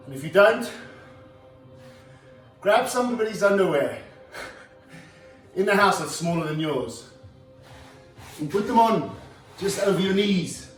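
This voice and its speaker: A man's voice: sits high, distant mic. A man coaching a home leg workout, demonstrating each exercise as he talks and sometimes running out of breath. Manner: instructive, demonstrating while talking. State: out of breath at times. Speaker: fitness trainer. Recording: echoey room, voice from afar.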